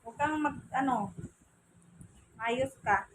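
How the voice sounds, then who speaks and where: A woman's voice: high-pitched, slow, slight background noise, low-quality recording. A woman with a Filipino accent talking to her pet in teasing, cooing baby talk while drying it. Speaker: pet owner vlogger. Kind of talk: casual chat to her cat while drying it. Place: home, by a fan.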